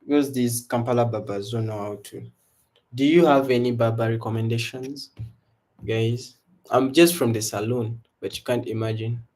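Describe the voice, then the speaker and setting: A young Ugandan man with a Ugandan accent hosts a casual live trading stream from an indoor room set before a branded backdrop. His voice sits at medium pitch and moves at normal speed as he chats loosely with viewers, relaxed and tossing out repetitive hype calls.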